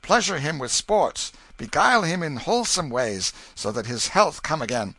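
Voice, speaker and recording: A man's voice: fairly high pitch, big pitch swings, normal speed, sharp tone, no echo, voice pushed up, exaggerated voice. A man voicing a dying old king who is wrathful and commanding, declaiming in archaic, imperious speech.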